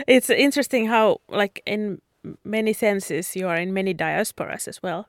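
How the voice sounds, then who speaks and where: A woman co-hosting a podcast, asking the guest measured questions. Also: medium pitch, lively intonation, no echo. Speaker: podcast co-host. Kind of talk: podcast interview.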